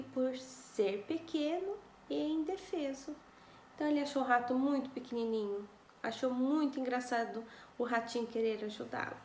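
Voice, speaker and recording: A woman's voice: high voice, a little mellow, roomy sound, slight background noise. A woman primary school teacher with a Brazilian accent, patiently correcting homework in a recorded lesson and checking in with the children as she goes. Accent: Brazilian Portuguese. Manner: patient, explains slowly, checks with "né?" and "tá bom?".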